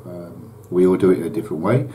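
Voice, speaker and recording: Deep, mellow-voiced older man chatting. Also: quick pace, a little hiss or hum. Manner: relaxed and chatty, with many ums and uhs. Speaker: private pilot vlogger. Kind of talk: casual vlog chat.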